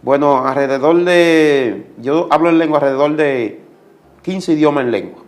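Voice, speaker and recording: A man's voice: a little high, normal speed. A man giving a religious testimony as a guest, speaking like a preacher and repeating commands for emphasis.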